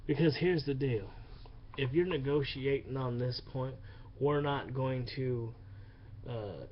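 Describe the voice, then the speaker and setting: A man's voice: medium pitch, muffled recording, slight background noise. A man angrily ranting about politics in a profane, heated monologue that repeats itself. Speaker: vlogger. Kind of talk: angry political rant.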